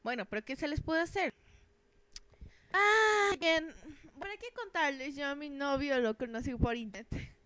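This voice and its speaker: A woman's voice: high-pitched, normal speed, a bit bright, dry recording. A young woman, joking and rambling in a self-mocking, crude way while commenting on a game. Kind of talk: casual gameplay commentary.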